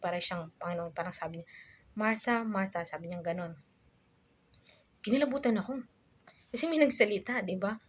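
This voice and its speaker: A woman's voice: lowish voice, fairly even intonation, a little fast, pauses often, slightly rough. Filipina woman chatting to her viewers. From Philippines. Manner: chatty, many fillers, addresses viewers as guys. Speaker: vlogger. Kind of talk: casual storytelling to viewers.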